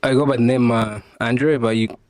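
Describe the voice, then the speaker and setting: A young Tanzanian man chats casually as a podcast guest, relaxed and laughing easily, with plenty of "you know" fillers. He speaks at a moderate pace with a medium-pitched voice, and the recording is dry.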